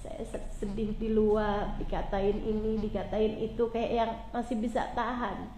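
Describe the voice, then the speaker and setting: A woman's voice: level tone, a little slow, a little hiss or hum. Emotional woman preacher, echoey room. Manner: emotional, drops soft and low when quoting. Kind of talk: storytelling religious talk. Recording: echoey room with faint ambience.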